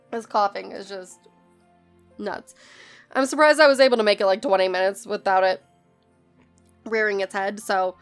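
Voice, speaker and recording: A woman with bronchitis narrating a building game, hoarse and coughing, rambling with many ums. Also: mid-range voice. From United States. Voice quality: gravelly voice. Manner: rambling, lots of ums, self-correcting. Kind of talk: casual chatty voice-over. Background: soft background music.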